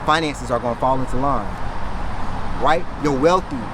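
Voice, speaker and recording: A man's voice: mid-range voice, moderate pace, background noise. An American man giving an emphatic, preacher-like motivational speech, repeating phrases and asking rhetorical questions. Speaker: motivational content creator.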